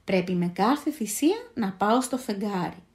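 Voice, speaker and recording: A woman's voice: medium pitch, animated, darkish tone, reverberant, close to an everyday voice. A woman voicing a small, eager young male moon-coverer in a storybook tale, who talks earnestly and cries out with all his strength. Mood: worried pleading.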